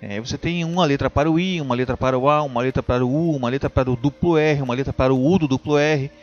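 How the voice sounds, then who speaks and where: A man's voice: medium pitch, very fast, highs cut off. A man explaining a topic in casual talk, hesitant, with many restarts and tag questions. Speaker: video host.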